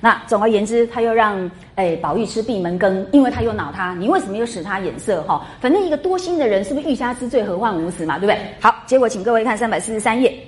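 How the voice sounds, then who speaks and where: Chatty animated woman lecturing a class. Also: a little high, fast talker, few pauses. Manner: chatty and animated, full of sentence-final particles and rhetorical questions. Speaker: literature lecturer. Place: classroom with students.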